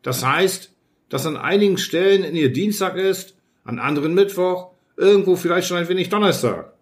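An impatient male space traveler, pressing and exasperated, his voice pushed noticeably higher, as a man puts him on. He talks insistently, hurrying to win an argument in this audiobook reading. The tone stays fairly even in loudness. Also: moderate pace. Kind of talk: audiobook character voice.

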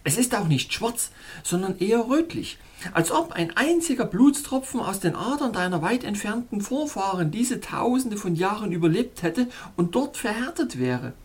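A woman's voice: mid-range voice, very animated, normal speed, a little mellow, husky, voice pushed up. A woman doing an earnest little baron. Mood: reassuring. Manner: earnest, solemn, reassuring. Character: earnest wise little male baron, the hero. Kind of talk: storybook reading.

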